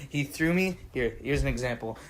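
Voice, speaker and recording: A young man delivering a profane, deliberately dark comedic rant to camera, exaggerated and complaining. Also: mid-range voice, expressive. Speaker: vlogger.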